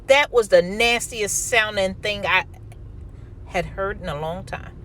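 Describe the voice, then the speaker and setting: A woman's voice: medium pitch, unhurried, fairly bright tone, a little hiss or hum. A woman with an American accent chatting casually and candidly, telling personal stories and giving emphatic relationship advice straight to her listeners. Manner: conversational, emphatic, addressing listeners directly.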